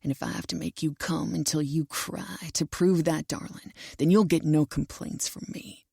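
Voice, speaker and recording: A woman's voice: fairly even intonation, normal speed, vocal fry, a little mellow, slightly rough, dry recording, clean studio sound, full character voice. A woman growling as a domineering cowboy. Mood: possessive. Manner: low commanding growl.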